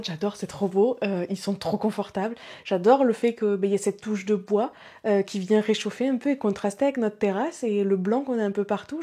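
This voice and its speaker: A woman's voice: medium pitch, warm tone, husky. Enthusiastic woman narrating her home vlog. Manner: enthusiastic, chatty. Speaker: vlog host. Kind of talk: casual vlog voice-over.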